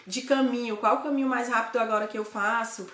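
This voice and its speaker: A woman with a Ceará accent chats with her viewers in a fairly high voice. She keeps tossing in quick tag questions and restarts her sentences mid-thought. Her voice rings in a roomy, echoey space. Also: steady tone, a bit bright. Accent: Northeastern Brazilian, Ceará. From Ceará, Brazil. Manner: chatty, frequent tag questions, self-correcting. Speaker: host, guide living abroad. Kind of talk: casual live chat to viewers.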